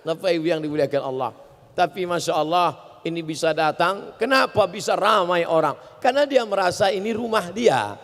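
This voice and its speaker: A man's voice: high voice, lively intonation, moderate pace, fairly bright tone. A man preaching a humorous sermon, telling stories and acting out voices and sounds. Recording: reverberant hall.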